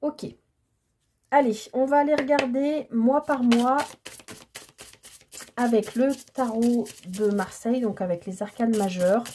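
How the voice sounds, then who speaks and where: A woman giving a tarot reading in a casual, hesitant way, stammering and filling pauses as she talks. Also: a little high, steady tone, dark tone, a little hiss or hum. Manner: hesitant, stammering, many fillers. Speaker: tarot card reader.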